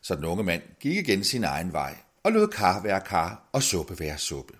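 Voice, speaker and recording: A man with a low, husky voice reads a fairy tale aloud. His delivery is expressive, and his pitch rises and falls widely. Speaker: storyteller.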